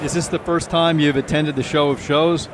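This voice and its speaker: Male interviewer, polite and brief, slightly raised pitch, handheld mic in a noisy convention hall. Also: steady tone, moderate pace. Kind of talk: event interview questions. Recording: loud hall background noise.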